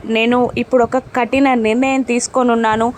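A woman's voice: a little high, flat delivery, a little fast, a little hiss or hum, close to an everyday voice. A woman voicing a stern, proud middle-aged father who questions his daughter. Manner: demanding, boastful.

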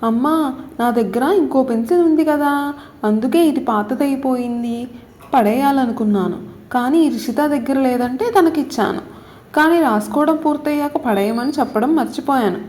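A woman's voice: sits high, normal speed, darkish tone, a little hiss or hum, close to an everyday voice. A woman voicing a stubborn young schoolgirl who insists on getting her way, in a storybook reading. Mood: dismissive. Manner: sulky, insistent demands.

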